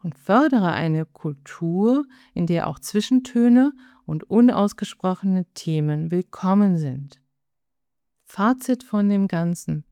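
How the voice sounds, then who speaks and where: A woman giving a scripted lesson in a calm, measured way, speaking directly to the listener as a communication trainer. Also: lowish voice, no echo, clean studio sound.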